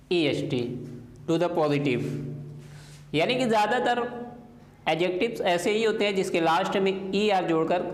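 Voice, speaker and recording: A male teacher walks through a grammar lesson at an unhurried, step-by-step pace. His voice sits a little high for a man, and he spells words out letter by letter. The recording carries a noticeable room echo. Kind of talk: explaining English grammar in a lesson.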